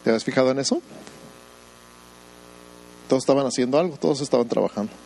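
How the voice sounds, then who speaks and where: A man pastor delivering a lively sermon. He peppers the congregation with rhetorical questions, slips into mocking voices of doubters, and throws in joking asides, all in a middle-pitched voice. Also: quick pace, gravelly, a little hiss or hum, low-quality recording.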